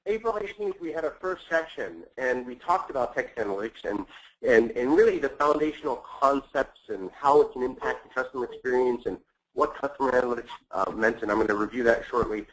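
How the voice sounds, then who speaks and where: A man hosting and presenting a business webinar, speaking in a measured way with frequent filler words. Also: mid-range voice, low-quality recording. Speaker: webinar host.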